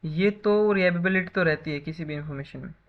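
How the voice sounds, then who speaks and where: High-voiced man teaching a computer lesson. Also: a little fast, muffled recording. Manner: explains with examples, repeats "है ना" often. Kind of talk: classroom lecture.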